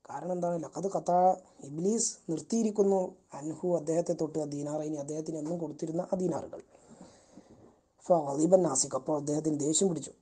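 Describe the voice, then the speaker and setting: Woman teacher reading out a story bit by bit, low dark voice, translates as she goes. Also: husky. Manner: reads each phrase, then explains it in her own language.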